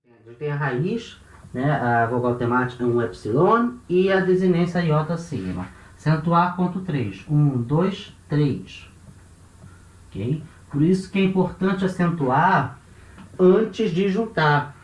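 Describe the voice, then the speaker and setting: Brazilian male teacher, somewhat high voice, patient and methodical, echoey room, mic at a distance. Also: expressive, slow. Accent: Brazilian Portuguese. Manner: patient, step-by-step, counting syllables aloud. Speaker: Ancient Greek teacher. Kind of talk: explaining grammar on a board. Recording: roomy echo, voice off-mic.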